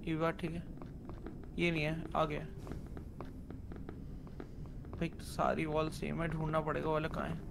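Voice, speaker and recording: High-pitched man explaining in a hurry. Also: gravelly, noisy background. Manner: excitable, hurried explaining. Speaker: gaming teammate. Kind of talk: casual gaming chat.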